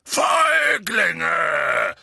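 A man voicing a huge, furious male half-giant gamekeeper who bellows slow, defiant shouts in an audiobook reading. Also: fairly high pitch, huge pitch swings, vocal fry, slightly rough, no echo, studio quality, voice pushed up, heavily acted.

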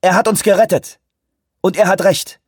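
A man voicing a resolute woman in an audiobook, speaking firmly and high. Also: normal speed, slightly rough, no room sound, studio quality.

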